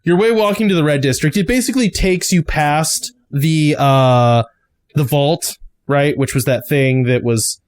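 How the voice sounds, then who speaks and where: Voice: mid-range voice, a little slow, a little mellow. A game master narrating a tabletop game in a loose way, with lots of fillers.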